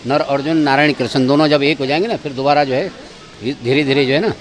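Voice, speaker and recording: A man's voice: on the high side, fairly quick. A man giving a guided tour of temple grounds outdoors, directive as he keeps pointing things out to his visitors.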